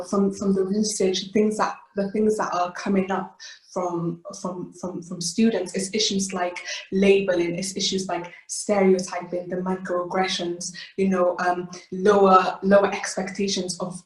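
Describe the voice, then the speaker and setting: An eighteen-year-old youth ambassador from Wales gives an earnest personal talk to an online event, full of fillers and restarts. Her voice is medium-pitched, and the low-quality recording has an echoey room sound.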